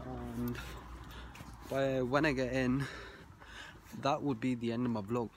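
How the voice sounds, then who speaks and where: A man's voice: mid-range voice, flat delivery, takes it slowly. A young man with a south Wales Valleys accent, rambling casually and slangily to his vlog on a handheld phone. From Caerphilly, south Wales. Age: young adult. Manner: slangy, with "bruv" and "like". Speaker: vlogger. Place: mostly outdoors on a street at night. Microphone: phone at arm's length. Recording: noisy handheld phone, traffic ambience.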